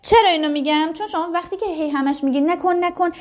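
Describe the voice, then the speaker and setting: A woman in her thirties giving parenting advice in a lively, direct way, often acting out short lines spoken to a child. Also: extremely high pitch. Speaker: parenting educator.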